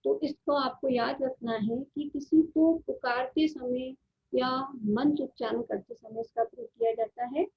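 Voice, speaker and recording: Slow high-voiced woman teaching grammar. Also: expressive, creaky, lo-fi sound, a little hiss or hum. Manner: slow, drawn-out explanation with repeated vowel sounds. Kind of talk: Hindi grammar lesson.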